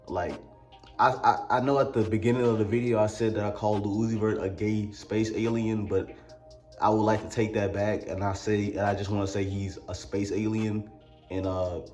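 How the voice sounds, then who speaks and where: A man with a Mississippi drawl rambles through a comedic album review, tossing in crude jokes. His voice sits fairly low and rings in a roomy, echoey space. Faint music plays behind him. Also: a little mellow. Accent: Mississippi Southern US. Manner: rambling, crude joking asides.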